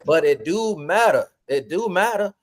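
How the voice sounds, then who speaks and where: A man talking on a podcast, animated and profane, repeating phrases for emphasis. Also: high-pitched, moderate pace. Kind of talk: casual podcast chat.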